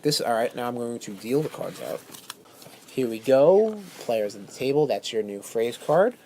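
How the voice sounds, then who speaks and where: A woman's voice: rumbling low, animated, moderate pace, dark tone, slight background noise. A woman hosting a podcast game night, explaining rules in a rambling, self-amused way. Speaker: podcast host, game judge. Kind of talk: casual podcast chat.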